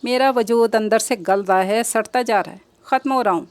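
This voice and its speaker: A woman's voice: fairly high pitch, no room sound, natural voice. A woman voicing a desperate, guilt-ridden young man who talks in anguished pleas. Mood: despairing. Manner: anguished, pleading.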